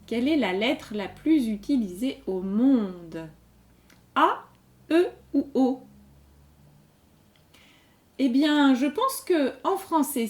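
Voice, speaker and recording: A woman with a high but darkish voice hosts a general-knowledge quiz. She reads every question aloud twice, slowly and clearly, then patiently explains the answer.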